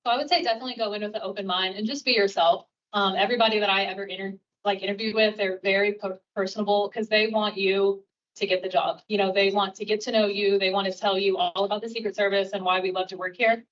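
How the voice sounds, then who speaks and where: A woman's voice: mid-range voice, fairly bright tone. A woman officer giving advice to an audience in a reassuring, repetitive way. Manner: reassuring, repeats "just be yourself". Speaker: officer answering questions. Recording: muffled, distant room recording.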